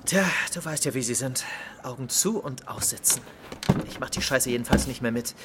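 A man's voice: mid-range voice, normal speed, background noise, lightly acted. A young man playing a casual, hesitant, slightly clueless schoolboy in naturalistic drama dialogue. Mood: resigned.

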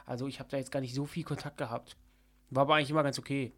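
A man's voice: mid-range voice, little pitch movement, rapid-fire, fairly bright tone. A young man co-hosting a podcast in casual, joking chat, mumbling his words and sometimes yawning or sniffing. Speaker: podcast co-host.

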